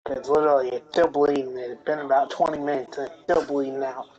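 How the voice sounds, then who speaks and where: A man of middle pitch talks quickly and plainly in a gaming voice chat. His voice comes through a dull, lo-fi chat line. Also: little pitch movement, crowd noise. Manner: hurried and matter-of-fact. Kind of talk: casual voice chat. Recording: muffled voice chat.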